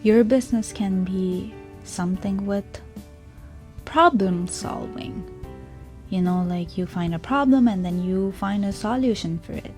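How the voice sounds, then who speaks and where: A young woman, telling her own story in a casual, earnest vlog with soft whispered asides. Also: medium pitch, unhurried, soft background music. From Sri Lanka. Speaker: vlogger, small business owner.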